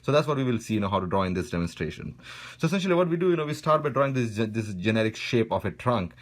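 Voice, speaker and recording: A man narrating a pen and ink drawing tutorial in a relaxed way, filling his speech with "you know" as he draws. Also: fairly low pitch, racing. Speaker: drawing instructor. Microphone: voice-over while drawing.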